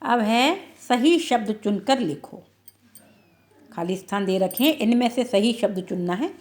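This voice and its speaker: A woman's voice: a little high, animated, a little mellow. A woman teaching an online phonics lesson to young children, reading words out one at a time and answering her own questions. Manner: slow, drawn-out word-by-word reading; asks questions and answers them herself. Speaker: primary school teacher.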